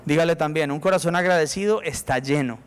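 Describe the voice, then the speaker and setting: A man's voice: a little high, fast talker, clear, resonant tone. A man with a Colombian accent preaching a sermon as pastor, emphatic and acting out prayers to God. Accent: Colombian Spanish. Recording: reverberant hall.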